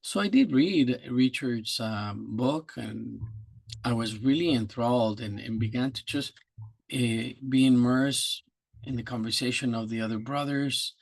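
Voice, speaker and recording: Older guatemalan-born guy, slow and gentle, middle voice, dry close sound. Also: mid-range voice, gravelly, no echo. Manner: measured, reflective, gentle. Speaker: interview guest. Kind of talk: casual video interview.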